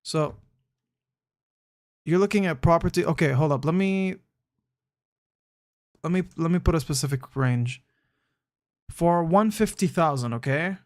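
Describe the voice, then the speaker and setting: A young male live streamer, laid-back and slangy, answers chat casually, calling viewers "bro." His voice sits on the high side, and he speaks unhurriedly, pausing often and restarting as he thinks aloud.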